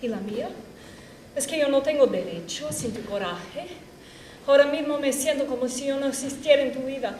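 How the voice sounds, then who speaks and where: A woman's voice: high voice, fast talker, darkish tone, natural voice. An actress playing a hurt, demanding young woman confronting her lover in a stage drama. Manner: pressing, emotional dialogue. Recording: echoey room, audible noise.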